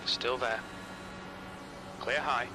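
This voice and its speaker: A man voicing a calm race spotter and crew chief who gives terse pit radio calls in clipped, flat phrases. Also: mid-range voice, drawn-out words, music in the background. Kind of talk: prerecorded game announcements. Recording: loud race engine noise. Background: racing car engines.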